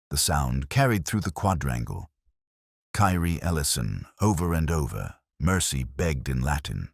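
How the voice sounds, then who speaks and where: A man playing a pensive, melancholy police inspector, narrating a mystery in measured, deliberate literary phrasing. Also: a bass voice, dry recording, studio quality, exaggerated voice. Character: pensive, melancholy male Oxford police inspector recounting a case. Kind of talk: scripted literary detective narration.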